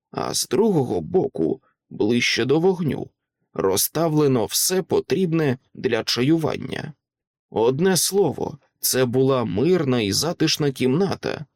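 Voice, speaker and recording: Guy reading an audiobook, dramatic, mid pitch, dry close mic. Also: darkish tone, dry recording. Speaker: audiobook narrator. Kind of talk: scripted literary narration.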